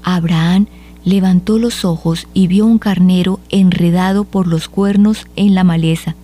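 A woman reading scripture aloud at a measured, solemn pace for a liturgy. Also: lowish voice, steady tone, mellow. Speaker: liturgical reader.

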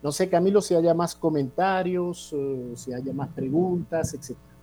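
A man, a priest hosting a religious program, answering listener questions in a measured, teaching way with frequent "eh" and tag questions. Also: fairly high pitch, dark tone.

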